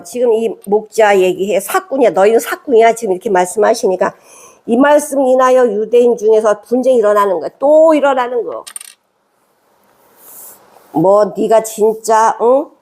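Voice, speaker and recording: Husky-voiced woman pastor preaching. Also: a little high, a little mellow. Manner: conversational preaching with rhetorical questions; reads scripture aloud, then explains it in plain speech. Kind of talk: sermon.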